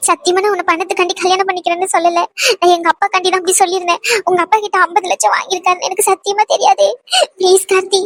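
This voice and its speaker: A woman voicing a young cartoon bride who pleads tearfully and begs to be let go. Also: extremely high pitch. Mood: pleading. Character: young bride, sweet, later desperate. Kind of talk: cartoon voice acting.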